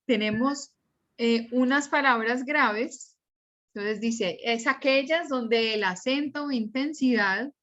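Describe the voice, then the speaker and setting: A woman teacher lectures in an unhurried, careful way, going over her examples one by one. Her voice sits a little high. The sound is dull and lo-fi, like an online class. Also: fairly bright tone. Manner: patient, repeats and spells out examples. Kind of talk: slow, explanatory class lecture.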